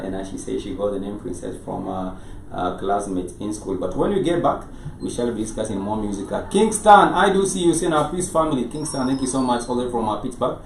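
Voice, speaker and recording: A man with a Kenyan accent hosting a live show, speaking in a halting way and often rephrasing himself. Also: medium pitch. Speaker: show host. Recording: echoey, noisy room, distant mic.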